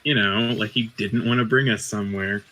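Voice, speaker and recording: Low bright-voiced man playing a tabletop game. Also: steady tone, brisk, low-quality recording. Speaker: player. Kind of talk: casual tabletop play.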